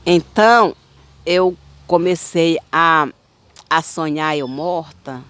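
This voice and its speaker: A woman's voice: low voice, a bit bright, no echo. Brazilian woman in her fifties, rambling. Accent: Brazilian Portuguese. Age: 50s. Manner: rambling, repetitive, halting storytelling. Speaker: spiritual channel host. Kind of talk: personal testimony of dreams.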